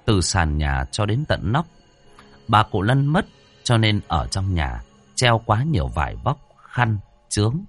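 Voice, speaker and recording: A man narrating a ghost story in an expressive storytelling manner. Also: low-pitched, husky.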